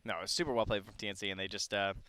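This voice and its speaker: A man's voice: fairly low pitch, fairly even intonation, rapid-fire, sharp tone, no echo. A man casting a video game tournament, talking through the draft in a chatty, analytical way and now and then joking around. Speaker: esports caster. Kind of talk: casual draft analysis commentary.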